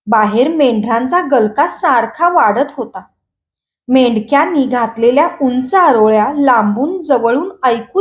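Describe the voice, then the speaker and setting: A woman calmly reading a novel aloud at a measured pace, after a short channel introduction. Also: high-pitched. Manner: calm, measured storytelling. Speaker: audiobook reader. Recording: echoey room.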